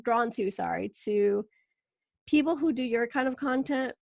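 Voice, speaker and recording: A woman's voice: a little high, unhurried, gravelly, no room sound. A woman from Venezuela hosting a podcast interview, bubbly and laughing often in casual chat. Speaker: podcast host.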